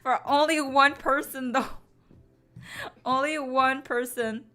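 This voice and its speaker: A woman's voice: high-pitched, steady tone, takes it slowly, pushed and bright. A young woman streamer chatting casually with viewers, playful and sarcastic, teasing, with many "like" fillers. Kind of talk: casual chat. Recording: faint background music.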